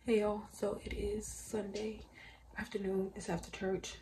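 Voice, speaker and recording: Stuffy-nosed and rambling with many fillers, a woman in her twenties does a casual vlog chat in her bedroom, speaking to a phone camera at arm's length. She has a mid-range voice with a level tone and measured pace, set in an echoey room with background noise.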